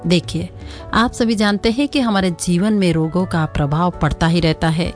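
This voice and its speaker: Hosting a radio segment on home remedies, a woman with a fairly low voice explains each remedy patiently and slowly, going over it again and frequently asking "okay?" with a rising lilt. Faint music plays behind her.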